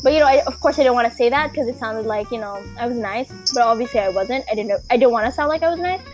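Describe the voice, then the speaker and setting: A young woman with a Filipino accent chats casually and tells a story, her voice sitting high and lifting sharply whenever she acts out what someone else said. She fills her talk with "like" and keeps it animated from start to finish. Faint music plays in the background. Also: very fast. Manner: animated, acts out quoted people, many fillers.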